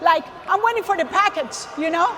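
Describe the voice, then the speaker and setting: A Costa Rican woman speaks fairly quickly in a very high voice, delivering a forceful faith testimony and calling out to the crowd before a large audience. Her accent is Costa Rican Spanish and she stands on a large arena stage. The clip carries background noise, long hall reverb and faint ambience.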